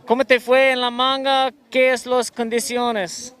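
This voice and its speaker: A man's voice: very high voice, flat delivery, moderate pace, a bit bright, clear, resonant tone. A man working as an informal sideline reporter outdoors, interviewing an athlete and summarizing the answers. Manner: informal, switches languages. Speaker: beachside sports reporter and interviewer. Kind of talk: live post-heat interview, informal interpreting. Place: outdoors at a surf contest.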